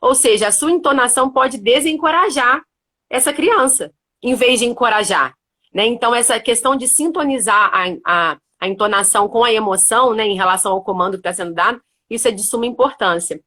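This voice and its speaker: A woman's voice: a little high, a little fast, pushed and bright. A woman hosting a casual chat on parenting, explaining her points in a thoughtful way and often checking in with "né?". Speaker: host.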